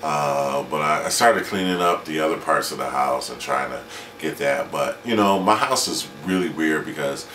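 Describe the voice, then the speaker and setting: A man in his late forties talking through a personal video diary from his kitchen, halting and reflective with many restarts. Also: extremely low pitch, sharp tone, roomy sound, far from the mic, faint music behind. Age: 40s. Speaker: independent filmmaker and vlogger.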